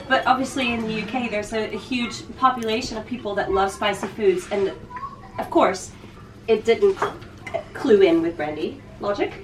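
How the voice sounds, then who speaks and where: Brief: woman, thirties, pantomime performer, high-ish voice, talkative and emotional, noisy backstage recording. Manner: chatty and emotional, laughs while talking. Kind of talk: casual personal chat to camera.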